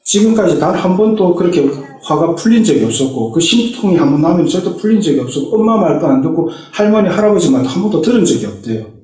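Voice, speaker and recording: Mellow middle-aged man telling a testimony. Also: fairly high pitch, expressive, fast talker. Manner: storytelling, acting out family dialogue. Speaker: church deacon giving a testimony. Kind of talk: personal testimony told as a story. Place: church sanctuary. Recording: echoey church hall, mic far off.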